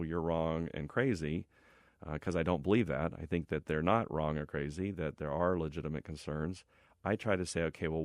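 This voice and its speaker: Middle-aged man, low-pitched, dry studio sound; conciliatory, conversational interviewee thinking aloud. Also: dry recording. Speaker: property developer being interviewed. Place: radio station studio.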